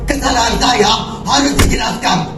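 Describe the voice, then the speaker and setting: A woman's voice: on the high side, moderate pace, lightly acted. A young woman playing a tragic heroine, a poor chained prisoner pleading in anguish in a theatrical monologue. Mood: anguished prayer. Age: teenager. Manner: anguished, pleading, dramatic declamation. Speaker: student actor in a theatre monologue. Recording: echoey hall from far off, music behind. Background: music.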